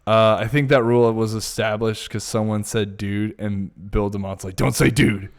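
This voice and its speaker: A man's voice: lowish voice, level tone, normal speed, smooth. Laid-back Californian man chatting. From Bay Area, California. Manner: laid-back, drawling surfer-like delivery. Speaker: guest. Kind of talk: casual podcast chat.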